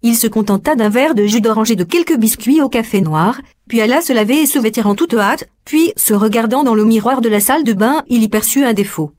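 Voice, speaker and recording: A woman narrates a story aloud, her voice sitting slightly high. Her delivery is even and measured, in a steady storytelling rhythm.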